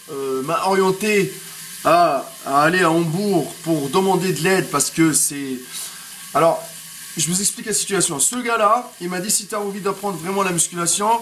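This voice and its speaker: A man's voice: high-pitched, low-quality recording. A man in his thirties with a Tunisian accent, chatting in a hyped-up, slangy way while cooking in his home kitchen, recorded by a propped camera a bit away. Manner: street slang, rambling, pumped motivational tone. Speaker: fitness vlogger. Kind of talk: casual hyped-up vlog chat. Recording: loud frying noise behind. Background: sizzling frying pan.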